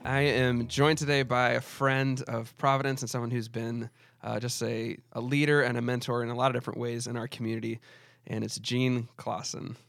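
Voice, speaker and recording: A man's voice: mid-range voice, level tone, normal speed, vocal fry, a bit bright, no echo, soft background music. A young man hosting a church podcast, chatting with a guest in a friendly way with many fillers. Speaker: podcast host, church staff. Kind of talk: casual podcast interview.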